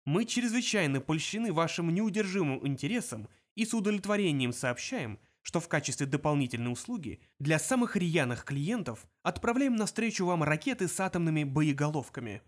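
A man's voice: fairly high pitch, very animated, brisk. A man voicing a polite, charming, faintly menacing recorded announcement from a dead planet in an audiobook. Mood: icy. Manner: very courteous, charming, with quiet menace.

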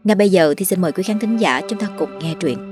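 A woman hosts a late-night ghost story hour and narrates politely and steadily. Her voice sits on the low side. Soft music plays faintly underneath. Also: expressive, fast. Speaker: storyteller host. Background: faint background music.

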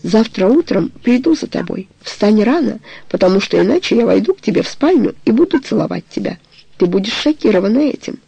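A man's voice: high voice, sing-song, brisk, vocal fry, mellow, breathy edge, dry recording, exaggerated voice, rough recording. A reader voicing a passionate young man pleading with his beloved to marry him, in an audiobook. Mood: ardent. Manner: pleading, tender, insistent. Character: ardent young man proposing marriage, passionate. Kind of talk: audiobook character reading.

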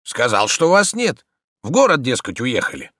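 Guy doing a hoarse stubborn old servant, curt and gruff, lively pitch. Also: normal speed, dry recording, clean studio sound. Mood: unflappable. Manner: unflappable, curt.

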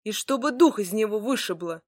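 A woman's voice: medium pitch, expressive, fairly quick, lightly acted. A woman doing a cocky serpent-man warrior. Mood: sulky. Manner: teasing, sulky grumbling.

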